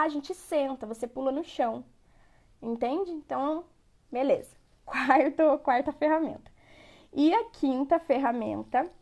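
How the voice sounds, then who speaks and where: A woman giving a parenting lecture, conversational and repetitive, often checking in with her listeners. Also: sits high. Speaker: parenting educator.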